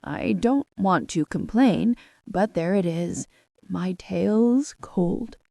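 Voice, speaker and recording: A woman voicing a gloomy old donkey who grumbles in a slow, complaining drawl. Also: medium pitch, gravelly, dark tone, dry recording, studio quality. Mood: grumbling.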